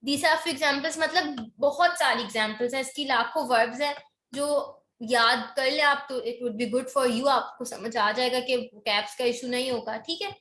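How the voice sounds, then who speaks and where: This online English grammar lesson comes from a woman teacher whose voice is high and bright, and the room has an echo. Switching between Hindi and English, she takes definitions slowly and often tosses in a brief "okay?" to check on her learners.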